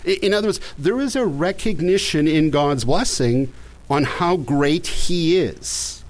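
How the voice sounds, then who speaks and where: A man's voice: on the high side, animated, moderate pace, rough recording. A man preaching a sermon as pastor, earnest, often stumbling and repeating the first words of his sentences.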